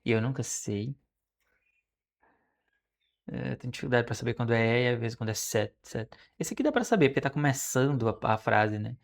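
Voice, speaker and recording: Man, native portuguese speaker, gravelly voice, casual self-study talk, slow careful repeats. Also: medium pitch, expressive. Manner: repeats French phrases slowly, self-correcting and musing. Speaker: language learner streaming his study. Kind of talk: casual study vlog, thinking aloud.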